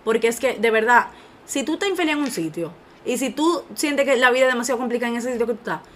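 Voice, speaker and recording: A young woman, co-hosting a casual chat and telling animated stories to her listeners. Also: fairly high pitch, quick pace, slight background noise. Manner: animated storyteller, addresses listeners as "señores".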